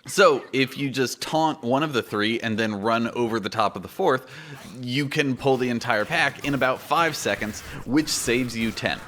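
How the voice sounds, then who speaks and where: A man's voice: medium pitch, normal speed, fairly bright tone, a little hiss or hum. A man in his twenties hosting a gaming guide, explaining in an informal, conversational and emphatic way into a close studio microphone. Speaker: YouTube gaming guide host. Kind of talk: informal explanatory video commentary. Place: small indoor home studio. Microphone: close microphone on boom arm.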